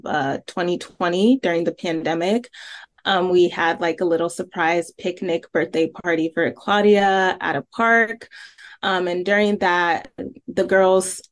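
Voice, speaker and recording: A woman from Nigeria, a filmmaker guest, chatting casually and telling a story with many asides. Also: on the low side.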